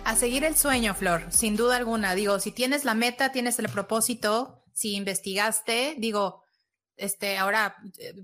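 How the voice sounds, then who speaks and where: A woman host in casual interview chat, encouraging and filling pauses with "este". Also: fairly high pitch, a bit bright, faint music behind. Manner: encouraging, fillers like "este" and "digo".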